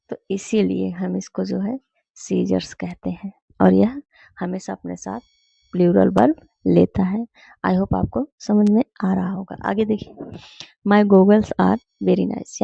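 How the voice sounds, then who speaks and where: A woman tutor walks through grammar rules step by step and slows down to read English example sentences aloud. Her voice is gravelly and mellow, with a flat, steady melody. The recording is dry and a little dull. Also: medium pitch, no echo. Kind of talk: Hindi-medium grammar lesson.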